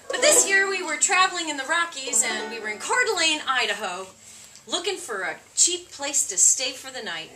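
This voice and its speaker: Lively bright-voiced woman telling stories onstage. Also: sits high. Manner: animated storyteller, laughs through her tales. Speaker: folk musician and band member. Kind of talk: onstage storytelling between songs. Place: live concert stage. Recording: distant live concert recording with faint noise.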